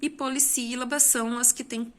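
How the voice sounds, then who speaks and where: A woman's voice: a little high, steady tone, moderate pace, a bit bright. A woman with a Brazilian Portuguese accent, a school teacher going through exercise corrections in a recorded lesson, explaining step by step and often checking in with the class.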